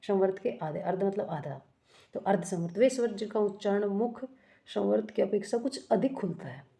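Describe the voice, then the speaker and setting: A woman's voice: medium pitch, moderate pace, creaky, dark tone. A woman teaching an exam-prep grammar lesson, explaining step by step, asking questions and answering them herself, and correcting herself often.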